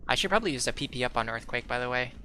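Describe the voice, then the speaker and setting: A young man streaming a game talks rapid-fire in a bright, forceful, mid-pitched voice with lively intonation, and there's a little hiss or hum in the audio. Hiccuping, he rambles with lots of "like," restarts and self-corrections, and faint music plays in the background.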